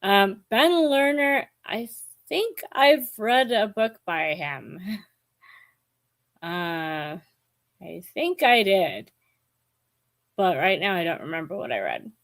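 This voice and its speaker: A woman in her forties chatting casually about books to camera, hesitant and musing, with many pauses and ums. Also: medium pitch, very animated, a bit bright. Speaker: book vlogger. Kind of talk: casual book chat to camera.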